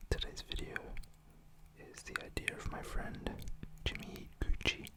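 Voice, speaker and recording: Slowly and softly, a male ASMR creator whispers close to the mic in a breathy, rambling casual chat. He's gentle and informal, with a reassuring touch.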